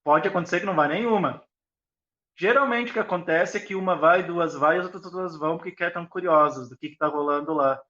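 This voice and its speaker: A man speaking over a video call on an online panel, slightly higher-pitched than most men. He explains his views thoughtfully, building his points with everyday examples. The sound is dull and lo-fi, like a streamed call. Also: brisk, sharp tone. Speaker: school founder. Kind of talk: live online panel talk.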